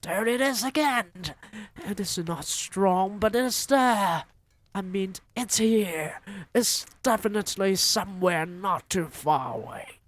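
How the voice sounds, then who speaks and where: A man voicing a shrill female witch who keeps sniffing out a hidden child, in a raised shrieking voice. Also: lively intonation, slow, creaky, pushed and bright, breathy edge, full character voice. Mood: urgent alarm.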